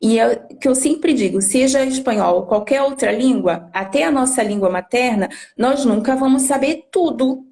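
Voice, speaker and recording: A woman's voice: high-pitched, lively intonation, normal speed, few pauses, a little mellow. A woman language teacher explaining patiently on a live stream, often checking in with tag questions. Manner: didactic, frequent tag questions.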